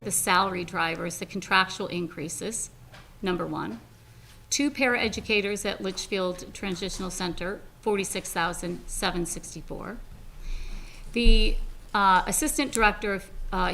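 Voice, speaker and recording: A woman presenting a school budget at a public hearing, briskly rattling off figures line by line. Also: medium pitch, pushed and bright, poor audio.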